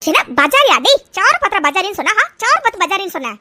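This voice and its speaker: A woman voicing a hot-tempered young woman who scolds fast and sharply in a cartoon. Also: very high voice, big pitch swings, pushed and bright, a little hiss or hum, full character voice. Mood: angry scolding. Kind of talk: cartoon voice acting.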